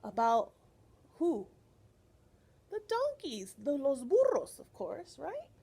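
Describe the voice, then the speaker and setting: A woman with a high, creaky voice reads a picture book aloud to children with lots of expression. Like a teacher, she stops to ask questions and explain things.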